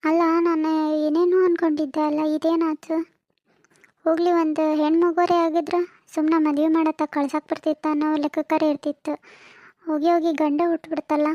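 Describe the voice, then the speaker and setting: A woman with a North Karnataka accent voicing a scheming, jealous village woman who mutters low and bitterly in a cartoon. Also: flat delivery, brisk, mellow, no room sound, lo-fi sound, natural voice. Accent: North Karnataka Kannada. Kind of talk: cartoon family comedy voice acting.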